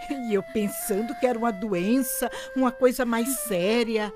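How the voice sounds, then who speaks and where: A woman voicing a warm, supportive mother in an amateur radio drama, soothing and motherly. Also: a little high, big pitch swings, measured pace, music in the background. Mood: tender. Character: middle-aged mother, warm, calming, supportive.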